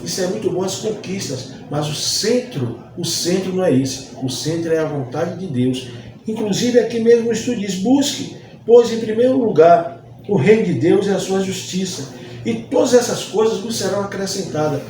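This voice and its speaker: A man's voice: high-pitched, moderate pace, warm tone, a little hiss or hum. A man from Bahia, a Baptist pastor, teaching a Bible study lesson earnestly and repeating phrases for emphasis. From Bahia, Brazil. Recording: distant mic, very echoey room.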